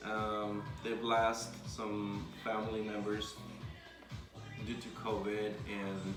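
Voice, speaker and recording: A man's voice: fairly low pitch, completely flat delivery, slow. A forty-year-old man chatting casually at a home table, teasing and reflective. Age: 40s. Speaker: co-host, partner. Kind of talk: casual chat. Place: home dining room. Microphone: far camera. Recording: echoey room with music behind.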